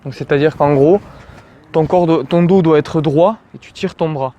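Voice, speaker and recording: A man's voice: on the high side, normal speed, warm tone, muffled recording. French man coaching casually outdoors. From France. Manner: informal, addresses viewer as tu, jokey asides. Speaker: calisthenics coach. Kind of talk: casual outdoor workout tutorial.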